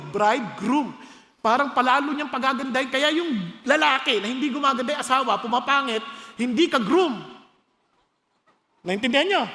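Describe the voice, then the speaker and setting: Man, Filipino accent, pastor, animated sermon, high-pitched, reverberant church hall. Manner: animated, joking, switching between Tagalog and English.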